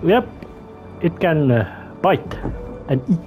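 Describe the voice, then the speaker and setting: A man with a fairly high voice gives casual gameplay commentary. He rambles and hesitates as he searches for words. Faint music plays behind him. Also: very animated, takes it slowly, a little mellow.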